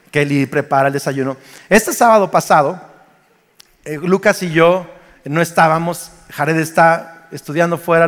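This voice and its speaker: A man in his forties with a Mexican Spanish accent, preaching a sermon as pastor and telling stories with animation. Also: a little high. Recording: long reverb of a church hall.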